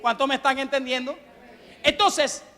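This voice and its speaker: High-voiced fervent preacher in a reverberant hall. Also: male voice, fairly even intonation, moderate pace, bright, forceful tone. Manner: fervent, questions the congregation and calls for amens. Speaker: pastor preaching to a congregation. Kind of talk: sermon. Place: church hall at a Sunday service. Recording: long church-hall reverb.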